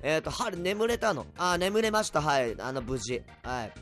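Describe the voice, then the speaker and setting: A man chatting on a casual home livestream, a bit tipsy, reading comments with a rambling, erratic manner and sudden loud outbursts. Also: on the high side, sing-song, moderate pace, faint music behind. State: tipsy from drinks. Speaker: livestreamer, band vocalist. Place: at home, indoors. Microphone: cheap desk mic.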